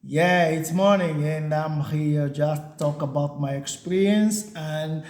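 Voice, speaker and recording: A man whose voice is a little high and darkish speaks slowly and haltingly in a casual talking-head vlog. A software engineer and channel host from a Portuguese-speaking country, he is a native Portuguese speaker whose English is full of fillers and restarts, recorded in an echoey room.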